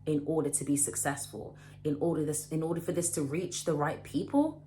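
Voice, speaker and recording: A woman in her late twenties giving a casual motivational talk to camera, animated and emphatic, often repeating and restarting her phrases. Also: low-pitched, brisk, a little hiss or hum. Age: late 20s. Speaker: vlogger.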